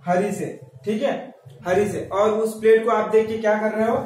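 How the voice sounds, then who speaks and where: A man's voice: sits high, steady tone, normal speed, darkish tone, recorded from a distance. A man giving an exam-prep lesson on memory tricks, asking questions and answering them himself while repeating key words. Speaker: teacher. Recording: very echoey room, voice from off mic, faint ambient noise.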